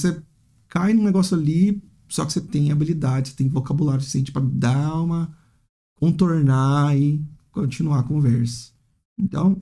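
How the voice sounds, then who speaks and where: Chatty male English teacher, mellow voice. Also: fairly high pitch. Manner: chatty, frequent "né?" tags, acts out hesitant students. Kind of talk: casual teaching monologue.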